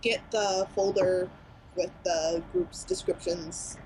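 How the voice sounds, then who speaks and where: A woman's voice: fairly low pitch, fairly even intonation, slow, a little mellow, low-quality recording. A woman playing a tabletop game, talking about her character in a chatty, hesitant way. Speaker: player. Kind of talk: casual tabletop role-play. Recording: noticeable background noise.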